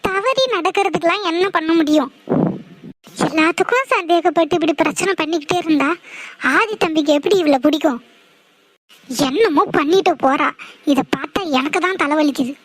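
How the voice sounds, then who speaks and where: A woman voicing a kind, worried middle-aged mother in a cartoon, talking gently and pleading. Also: very high voice, normal speed, no room sound, poor audio. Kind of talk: cartoon voice acting.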